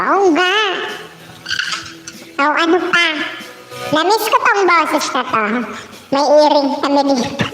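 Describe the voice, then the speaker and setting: A woman's voice: fairly high pitch, fairly bright tone. A woman chatting casually on a live stream, reading out viewer comments. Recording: echoey room with music behind.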